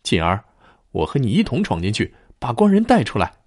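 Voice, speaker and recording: A man's voice: medium pitch, huge pitch swings, brisk, darkish tone, dry recording, clean studio sound. A man reading a storybook, voicing a ghostly young wife who scolds and demands her husband back. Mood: scolding.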